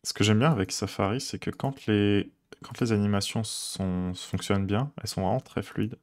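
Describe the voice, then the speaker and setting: A man chats with his stream audience as he codes. His voice sits low with a gravelly fry. He rambles easily, hunts for words and laughs lightly at himself. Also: moderate pace. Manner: relaxed, rambling, many fillers, chuckles often. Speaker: streamer coding live. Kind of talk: casual live-coding stream chat.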